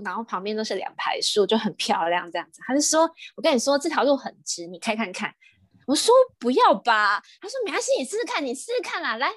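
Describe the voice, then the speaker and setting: A young woman from Taiwan with a Taiwanese Mandarin accent, co-hosting a podcast and telling a story in a casual, animated way, laughing often and dropping in English words. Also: on the high side, dry recording, clean studio sound. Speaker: podcast co-host.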